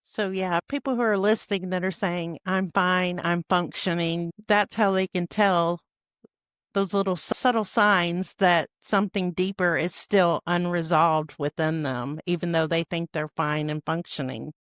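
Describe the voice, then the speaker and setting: Give me a woman with a lower voice hosting a relaxed podcast conversation. She talks in a reflective way, and her voice sounds dry and close to the mic. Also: unhurried, clear, resonant tone, no room sound. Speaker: podcast host. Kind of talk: casual chat.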